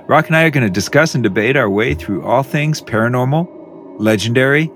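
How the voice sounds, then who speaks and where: A man co-hosting a podcast in casual banter, jokey and quick to laugh. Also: mid-range voice, a bit bright, a little hiss or hum. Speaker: podcast co-host.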